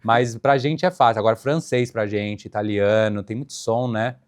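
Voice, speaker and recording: A young Brazilian man with a Brazilian Portuguese accent appears as a guest in a casual interview, talking about being a flight attendant. He tells stories animatedly and laughs a lot, speaking at a moderate pace in a fairly low voice.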